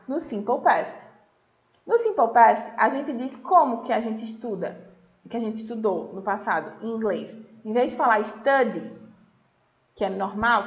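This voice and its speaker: A fairly high-voiced woman with a Brazilian Portuguese accent teaches young pupils in a recorded lesson, spelling words out and checking that they follow. She sounds muffled and slightly dull, in a room with noticeable echo. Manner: patient, explains slowly, checks in with "tá?" and "certo?". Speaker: English teacher. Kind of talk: recorded remote class for children.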